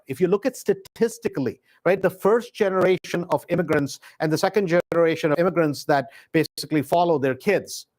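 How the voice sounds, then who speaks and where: A middle-aged man who grew up in India, hosting a live real estate investing webinar in a stop-start way, with many "uh"s and emphatic repeated words. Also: on the high side. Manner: filler-heavy, stop-start delivery with many "uh"s.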